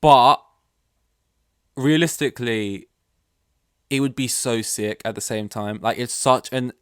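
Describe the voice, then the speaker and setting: At home with his dog, a young man runs a solo podcast through a plugged-in desk mic, rambling loosely and swearing here and there. His medium-pitched voice is slow, smooth and slightly bright, captured in a dry, clean studio sound.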